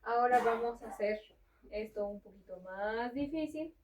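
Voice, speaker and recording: An informal French tutor, a woman with a fairly high voice speaking at normal speed, gives a patient, step-by-step lesson at home and often checks in with her learner. The recording is roomy and distant from the mic, with a little hiss or hum.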